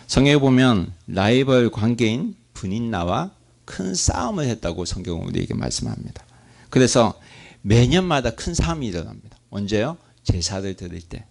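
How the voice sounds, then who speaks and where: A man's voice: medium pitch, vocal fry. A man pastor preaching a sermon, asking his congregation questions and acting out prayers.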